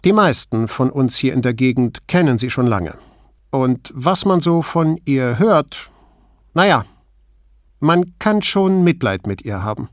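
A man's voice: medium pitch, expressive, unhurried, no room sound, studio quality, close to an everyday voice. A man voicing a protective, fiery middle-aged female shop owner in an audiobook, talking heatedly. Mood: guarded. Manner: heated, emphatic.

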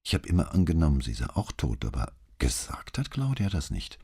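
A male reader voicing a quiet, grieving young female student who answers softly and hesitantly. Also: very deep voice, wildly swooping pitch, fairly quick, slightly rough, exaggerated voice. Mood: subdued. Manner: soft, barely audible, hesitant.

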